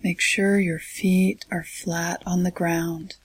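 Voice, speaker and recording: A meditation guide speaking in a soft, soothing spa-like whisper, leading a guided relaxation. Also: medium pitch, flat delivery, takes it slowly, husky, no echo.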